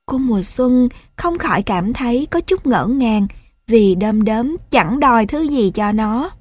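Female storybook narrator, slow, gentle, dry close sound. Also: a little high, expressive, husky, dry recording.

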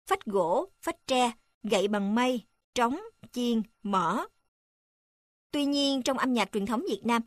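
Woman narrator, fairly high voice, formal textbook reading, dry close sound. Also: no echo. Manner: even, formal reading with section numbers read aloud. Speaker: narrator reading a text on music.

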